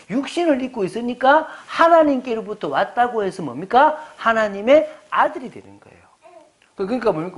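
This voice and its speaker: During a church service, a husky, high-pitched, slightly bright-voiced man in his forties delivers a sermon. He talks through his points in a conversational way and keeps asking the congregation rhetorical questions.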